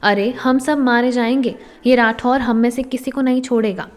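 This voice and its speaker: A woman's voice: fairly high pitch, fairly even intonation, normal speed, natural voice. A woman voicing a frightened, desperate father who pleads in panic, read in a storybook.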